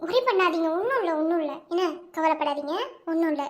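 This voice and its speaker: A calm, reassuring woman doctor in a cartoon , voiced by a performer. Her voice sits very high, and she soothes a worried family by repeating her reassurances. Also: quick pace.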